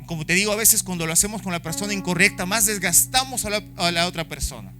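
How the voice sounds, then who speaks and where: A man's voice: high voice, animated, quick pace, over music. A man with a Chilean accent preaching a sermon at a church service, impassioned and acting out the voices of people he quotes. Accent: Chilean Spanish. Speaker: pastor.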